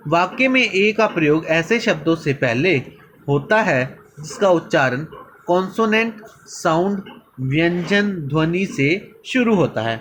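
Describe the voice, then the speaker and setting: Male grammar teacher, high-ish voice, unhurried classroom delivery. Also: fairly bright tone, slight background noise, poor audio. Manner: addresses viewers as children, reads examples slowly. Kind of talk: slow spoken grammar lesson.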